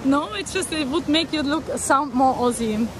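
A woman's voice: high voice, normal speed, a crowd in the background. A woman vlogging outdoors by the beach in casual chat, playful and laughing often.

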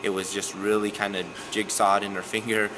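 Low-voiced young man coaching, earnest. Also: fairly quick, background noise. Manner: earnest, steady, frequent "um" fillers. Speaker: softball coach. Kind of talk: postgame interview. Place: gym, indoors.

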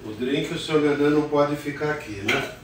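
An older man hosts a casual live cooking show from his home kitchen, chatting unhurriedly and greeting viewers by name. His fairly high voice moves at normal speed, captured far off by a phone camera, with background noise and roomy kitchen echo.

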